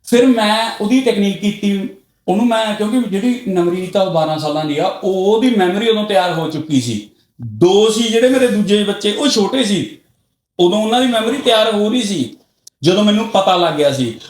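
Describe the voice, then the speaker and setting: A middle-aged man from Punjab, a podcast guest telling stories candidly and getting loud and excited as he talks. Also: high voice, moderate pace. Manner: loud and excitable when talking. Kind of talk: candid conversational storytelling. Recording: roomy echoey room.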